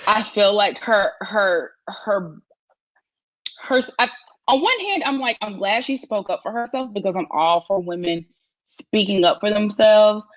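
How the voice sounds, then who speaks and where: A woman's voice: mid-range voice, animated, unhurried, no room sound, highs cut off. A woman co-hosting a casual chat podcast, opinionated and emphatic, with frequent restarts. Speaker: podcast co-host.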